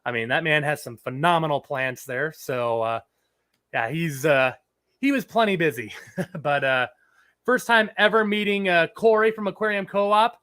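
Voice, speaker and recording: Hosting a relaxed livestream, a man speaks at a normal speed in a slightly high, a bit bright voice, roughened a little by a cold that hasn't cleared. He's chatty and rambling, reading out messages from the chat.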